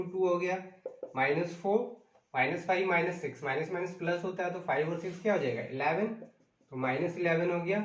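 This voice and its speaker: Male math teacher, higher voice, quizzes class, echoey room with a dull, muffled sound. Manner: calls out sums and asks the class questions; mixes English into Hindi. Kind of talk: math lesson.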